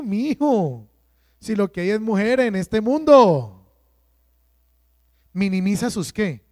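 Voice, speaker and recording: Priest, high voice, dry recording, emphatic sermon full of questions to the flock. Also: male voice, darkish tone, no room sound. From Colombia. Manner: emphatic preaching with rhetorical questions and slow drawn-out stresses. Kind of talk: sermon at a prayer workshop.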